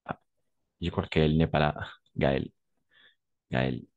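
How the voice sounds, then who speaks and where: A man's voice: a bass voice, steady tone, takes it slowly, darkish tone, no echo, lo-fi sound. A man teaching French in an online lesson, patiently repeating words and correcting pronunciation.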